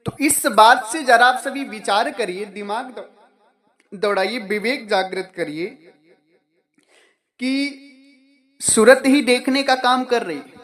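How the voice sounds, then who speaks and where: A man's voice: high-pitched, a bit bright. A man giving a devotional sermon as a spiritual teacher, repeating key phrases and asking questions that he answers himself.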